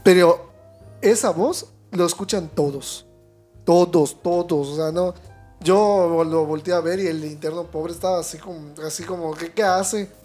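A man with a Mexican accent, chatting as a podcast guest and telling his story in an animated way. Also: a little high, unhurried, soft background music. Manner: animated storyteller, acting out quoted shouting. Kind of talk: casual chat.

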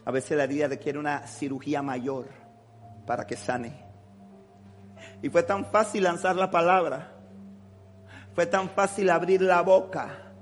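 A man preaching a sermon as pastor, swinging between shouted passion and quiet, confiding talk. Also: fairly high pitch, fairly even intonation, measured pace, long pauses, soft background music. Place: church with long reverb. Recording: reverberant church hall.

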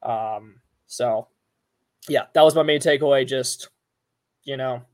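Rambling male podcast host, mid-pitched. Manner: rambling, hesitant, halting phrasing with many you-knows. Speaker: golf betting podcast host. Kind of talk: casual podcast chat.

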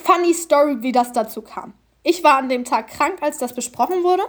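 Teenage girl, high pitch, lively casual storyteller from Germany. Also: normal speed, slight background noise. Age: teens. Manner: animated storytelling, acts out voices in anecdotes. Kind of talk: casual chat.

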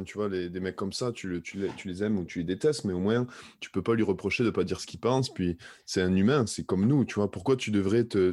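A man's voice: low voice, darkish tone. A man in a casual chat, giving blunt opinions.

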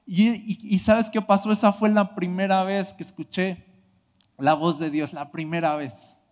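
Male preacher, high pitch, animated testimony with shouts, reverberant church hall. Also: measured pace. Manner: emotional, animated storytelling with shouted outbursts. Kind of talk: sermon testimony.

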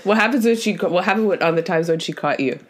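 Talking fast against slight background noise, a woman with a fairly low voice hosts a podcast interview with her father. Her manner toward listeners is relaxed, chatty and folksy.

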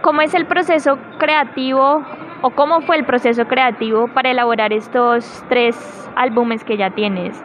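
A woman's voice: a little high, fairly even intonation, moderate pace. A woman interviewing an artist, asking long, wordy questions. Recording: street noise with passing vehicles.

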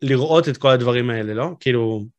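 A man's voice: mid-range voice, lo-fi sound. A man hosting an interview, asking curious, musing questions with frequent fillers. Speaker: podcast host.

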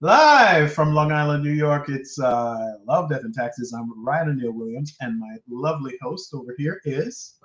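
A man's voice: medium pitch, normal speed, hardly any pauses, darkish tone. A man hosting a podcast in casual chat, rambling and jokey, often laughing between phrases. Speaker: podcast host. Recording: roomy, slightly dull sound.

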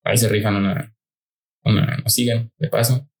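A lower-pitched Mexican man with a Mérida lilt, chatting loosely as a podcast co-host. He teases and jokes in an easygoing way. His voice sits a little deep for a man. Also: fairly even intonation, normal speed. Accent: Mérida, Yucatán Mexican Spanish. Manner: joking, teasing, laid-back. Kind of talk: casual chat.

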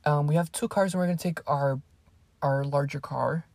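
Teenage girl, low voice, husky, dry close sound, casual vlog storytelling, rambling, swears a lot. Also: normal speed, a little mellow, no room sound. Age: teens. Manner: rambling and profane, with fillers and asides. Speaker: vlogger.

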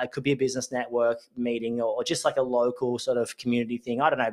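Man, podcast host, casual solo talk, rambling, jokey. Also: mid-range voice. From Australia. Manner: rambling, jokey storytelling with animated put-on voices. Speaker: podcast host, electrical business owner.

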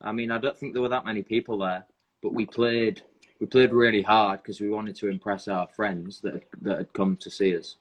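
A man's voice: on the low side, steady tone, brisk, rough recording. A man from a band talking through old gigs in a casual chat, steadily leading the story. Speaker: band member and co-host.

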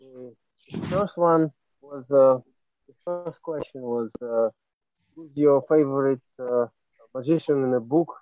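Halting speaker, slightly muffled sound. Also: medium pitch, warm tone, no room sound. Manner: halting, searching for words. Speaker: discussion panelist. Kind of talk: casual chat. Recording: slightly dull, muffled online call.

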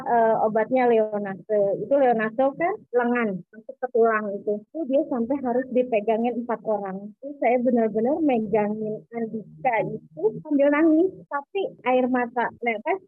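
A woman's voice: fairly high pitch, dry recording. A woman, giving an emotional personal testimony and retelling events through quoted dialogue. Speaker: interviewee, mother. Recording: dry, slightly muffled recording.

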